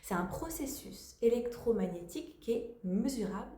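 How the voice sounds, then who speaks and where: A woman's voice: fairly high pitch, lively intonation, normal speed, warm tone, reverberant. A woman giving a casual motivational talk as a spiritual coach, speaking to the listener in a familiar, slangy way.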